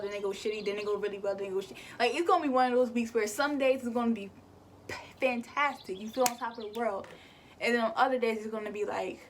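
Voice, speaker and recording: A woman's voice: on the high side, a little hiss or hum. A young woman giving a casual spiritual card reading, chatty, repeating words and swearing offhandedly. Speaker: tarot and oracle card reader.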